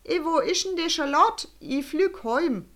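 Lady putting on a squeaky swabian balloon guy, all worked up, stretches his words. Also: full character voice. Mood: chatty. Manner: excited, drawn-out dialect exclamations. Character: excitable male balloonist speaking broad Swabian dialect.

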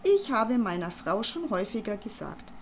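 A woman's voice: medium pitch, sing-song, normal speed, a little hiss or hum. A woman voicing a nervous, fawning man who stammers and is overly polite.

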